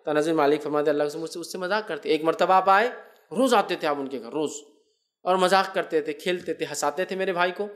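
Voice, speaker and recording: Male preacher from India, high-pitched, animated storytelling sermon. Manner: animated storytelling, acts out scolding voices. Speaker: Islamic preacher. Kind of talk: religious sermon.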